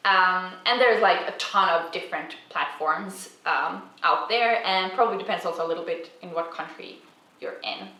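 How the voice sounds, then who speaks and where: Recorded indoors in her home apartment, this Finnish vlogger, whose first language is Swedish, answers questions in a relaxed Q&A format. She speaks at a normal pace in a lowish voice, chatty and prone to fillers and gentle restarts. Music plays in the background, and the far-off mic makes the room sound echoey.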